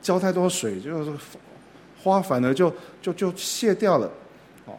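A man preaching a sermon, telling a folksy story in a gentle way and often dropping short filler sounds between phrases. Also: high-pitched, big pitch swings, measured pace, slight background noise. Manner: frequent filler particles like "ah" and "ha".

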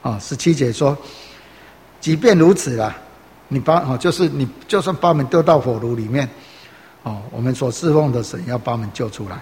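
Chatty preacher in a reverberant hall. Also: male voice, mid-range voice, brisk, darkish tone. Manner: chatty, full of filler particles and rhetorical questions. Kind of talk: sermon. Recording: roomy hall reverb, faint noise.

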